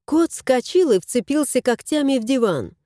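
Woman storyteller, mellow, close and dry, measured reading for kids. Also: sits high, big pitch swings, no room sound. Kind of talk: audiobook narration for children.

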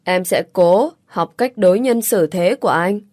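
A woman reading an audiobook story, voicing a spoiled, sharp-tongued young woman who speaks petulantly and with sarcasm. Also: lowish voice, measured pace, no echo, studio quality, close to an everyday voice.

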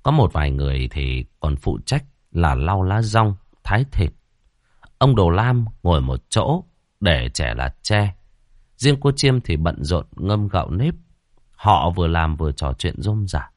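A man reading a ghost story as scripted narration, slow and dramatic. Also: deep voice, very animated, no room sound, clean studio sound.

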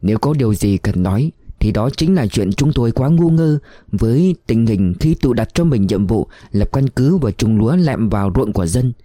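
A man reading a war novel aloud in steady, measured narration. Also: medium pitch, no room sound, studio quality. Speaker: audiobook reader.

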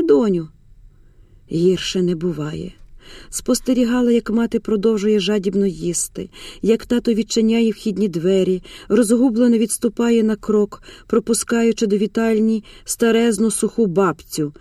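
A woman narrates a novel in a measured, expressive way. Her voice is dark and mellow, with a middle pitch. The recording is close and dry. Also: no echo. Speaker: audiobook narrator.

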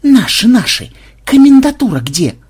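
A man voicing a hotheaded young male fighter who yells in a strained high voice. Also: sing-song, takes it slowly, slightly rough, full character voice. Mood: yelling. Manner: yelling, high-pitched.

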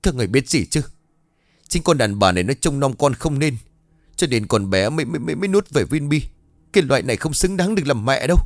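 Man doing a harsh young father, gruff, scolding, lowish voice, dry sound. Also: animated, brisk, no echo. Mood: furious. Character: bad-tempered young father, harsh to his wife.

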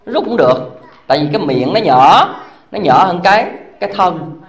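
Monk preaching to a congregation, high voice, questioning the crowd. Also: male voice, moderate pace, dull audio. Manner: animated, asks the audience rhetorical questions; chuckles as he talks. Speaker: Buddhist monk. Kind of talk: dharma talk to a congregation.

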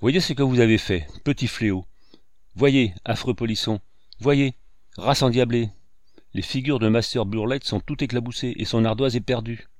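A man's voice: medium pitch, normal speed, no echo, clean studio sound, close to an everyday voice. A man reading aloud and voicing a fussy old aunt who scolds the children in raised, exclamatory outbursts. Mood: scolding.

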